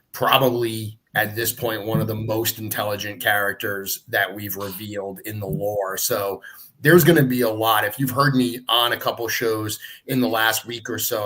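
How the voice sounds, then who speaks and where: A man's voice: fairly low pitch, flat delivery, moderate pace, bright, forceful tone, rough recording. A middle-aged man explaining the lore he wrote, in casual, rambling live panel chat full of fillers. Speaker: creator of the dragon lore, show guest.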